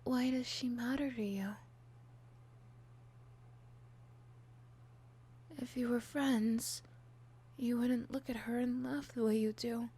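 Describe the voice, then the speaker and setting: Breathy, unhinged yandere girl, ASMR role-play. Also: on the high side, fairly even intonation. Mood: wounded suspicion. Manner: unhinged, clingy villainess, slow drawn-out delivery with breathy hushed stretches. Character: possessive, obsessive young monster girl lover, unhinged yandere.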